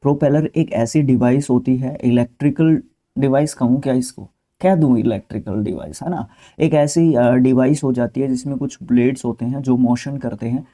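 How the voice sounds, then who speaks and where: Speaking at a moderate pace, a man with an Indian accent teaches English vocabulary, walking students through spelling words. He is patient and conversational, talking straight to them with plenty of fillers and asides, in a very dark, mellow voice of ordinary middle pitch.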